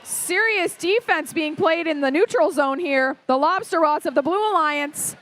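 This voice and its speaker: A woman giving live play-by-play commentary at a robotics competition, briskly calling team numbers and plays. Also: high-pitched, fairly bright tone. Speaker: match announcer. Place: competition arena.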